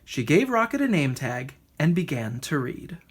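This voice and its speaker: A woman narrates a children's story. The voice sits a little low and has a husky texture. The reading is expressive, with plenty of movement up and down. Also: normal speed. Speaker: storybook reader.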